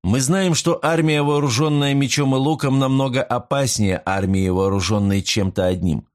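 A man voicing a calculating ruling father who argues in measured, persuasive speech. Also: mid-range voice, pitched above the performer's own voice, close to an everyday voice.

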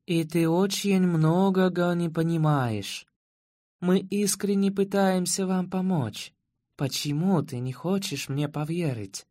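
A man's voice: a little high, lively intonation, dark tone. A man playing a smug female villain with an odd accent. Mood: condescending. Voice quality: strange accent. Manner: condescending, unhurried. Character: calm, mocking female villain fighter.

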